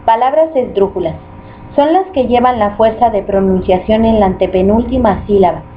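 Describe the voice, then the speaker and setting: A woman reading a grammar lesson aloud in an even, explanatory way. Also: mid-range voice, moderate pace. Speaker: student presenter. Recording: muffled lo-fi recording with faint noise.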